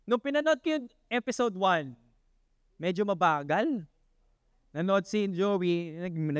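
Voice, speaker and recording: A man preaching a casual, conversational sermon who peppers the congregation with questions and laughs, stumbles through fillers and then builds to excited emphasis. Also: high-pitched, clean tone, dry recording, clean studio sound. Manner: chatty, asks the congregation questions, laughs often. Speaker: pastor. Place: church worship hall.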